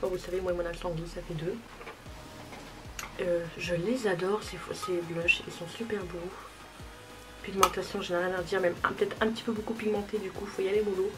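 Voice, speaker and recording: A woman's voice: fairly low pitch, fairly even intonation, a little fast, loud music behind the voice, poor audio. A young woman chatting casually through a makeup tutorial, self-deprecating and talking while she applies products. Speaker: beauty vlogger.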